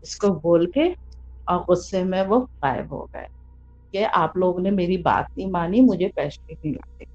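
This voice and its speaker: A woman's voice: on the low side, darkish tone, dull audio. A woman, a mother, recounting a personal experience in a casual, rambling way with frequent fillers. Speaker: mother telling a personal story. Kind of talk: casual spoken account of a true experience.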